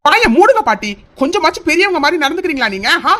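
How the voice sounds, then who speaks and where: Lady voicing a young guy, fast and sharp, telling off his granny. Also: very high-pitched, big pitch swings, a little hiss or hum, exaggerated voice. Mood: indignant. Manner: firm, rebuking. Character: angry young man defending his cousin.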